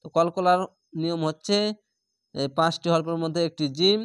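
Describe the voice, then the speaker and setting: A man with a slightly high voice gives a recitation lesson, spelling out each syllable and restating the rules in a patient, explaining way. He stretches each word out slowly when he recites it whole. The recording is dry and close, with no room sound. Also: steady tone, smooth, no room sound. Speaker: Quran reading teacher.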